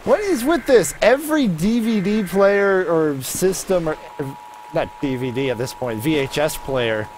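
A man giving casual commentary as he streams a game, muttering asides and reading in-game text aloud. His voice sits fairly high, with faint noise behind it. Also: lively intonation, a little slow.

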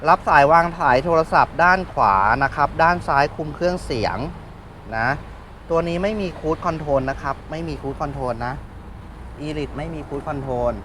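A man giving a chatty, casual walkaround of a used van as its dealer, speaking politely and often pausing to restart, outdoors beside the vehicle. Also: medium pitch, fairly bright tone, slight background noise. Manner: chatty salesman, polite filler particles, stops and restarts. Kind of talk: casual car walkaround review.

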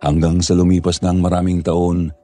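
A man narrating a scripted horror story in a grave, measured storytelling manner. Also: deep voice, monotone, dark tone, faint music behind.

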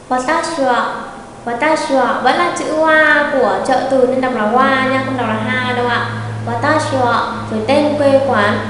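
A woman teaching an online language lesson, patiently repeating example phrases slowly. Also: sits high, slight background noise. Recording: very echoey room with long reverb.

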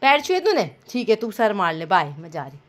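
A woman's voice: medium pitch, big pitch swings, brisk. A young woman, a mother, playfully coaxing and teasing her toddler at home in baby talk, laughing often. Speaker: mother and family vlogger.

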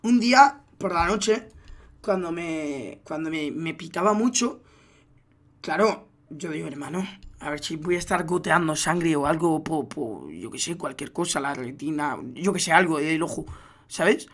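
A young man from Spain chatting on a gaming stream, full of slang and calling everyone mate. His Spanish accent is plain, and he gets animated and loud as his stories build up. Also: on the high side, measured pace. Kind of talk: casual gaming stream chat.

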